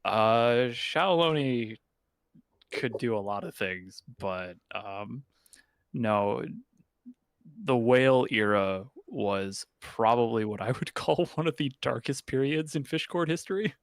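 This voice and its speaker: A man's voice: medium pitch, slow pace, no room sound, clean studio sound. A man chatting casually as a stream guest over group voice chat, often restarting his sentences and slipping in puns. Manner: stammering restarts, punning. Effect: heard over group voice chat.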